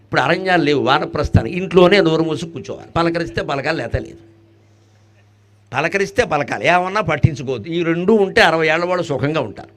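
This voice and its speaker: A man with a high voice gives a spiritual discourse. He jokes with the audience, fires off rhetorical questions and chants Sanskrit verses. He swings from loud, animated bursts to soft, low asides. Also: fast talker. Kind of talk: devotional discourse.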